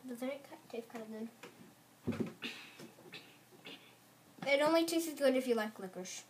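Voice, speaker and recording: A woman chatting playfully with viewers during a taste challenge vlog, loud and joking. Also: high-pitched, lively intonation, a little slow. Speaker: vlogger. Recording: noisy home video recording.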